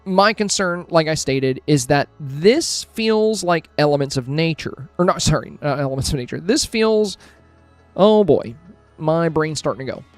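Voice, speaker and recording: A man's voice: on the high side, lively intonation, moderate pace, no echo, soft background music. A man streaming a casual review of game screenshots, friendly and thinking aloud with plenty of fillers and restarts. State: hiccuping, with a headache.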